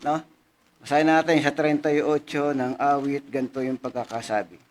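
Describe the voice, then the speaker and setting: A man preaching a sermon, casually checking in with listeners and reading scripture slowly with emphasis. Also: fairly high pitch, flat delivery. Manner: conversational teaching, frequent "no?" and "di ba?" checks. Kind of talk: Bible study sermon.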